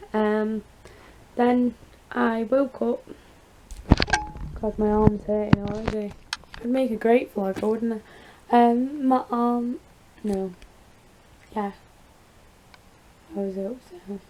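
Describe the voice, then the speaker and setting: A woman with a croaky, creaky voice after surgery, chatting casually in a rambling, confiding personal vlog update. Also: mid-range voice, fairly even intonation, measured pace, mellow, poor audio. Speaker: vlogger.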